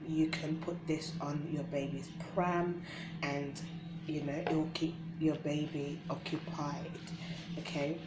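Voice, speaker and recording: A woman informally explaining a children's book to parents and carers in a hesitant, halting way. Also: sits low. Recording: roomy echo with clear background noise.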